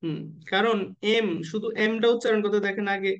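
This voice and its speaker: A man tutoring nursing exam candidates in an online class, who keeps asking the students questions and slowly spells out letters and abbreviations. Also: high-pitched, little pitch movement, a bit bright, clear, resonant tone, highs cut off. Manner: asks the class questions and waits for answers.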